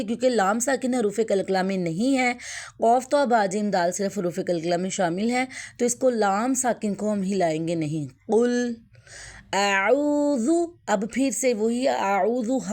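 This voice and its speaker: A woman's voice: mid-range voice, darkish tone. Patient woman teaching Quran recitation. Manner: explains patiently, then recites words slowly and drawn out. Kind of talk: tajweed lesson with slow recitation.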